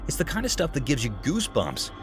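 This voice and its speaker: A man's voice: fairly high pitch, wildly swooping pitch, quick pace. Chatty male narrator over music. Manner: chatty, folksy storytelling tone. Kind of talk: scripted narration. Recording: clear music bed behind.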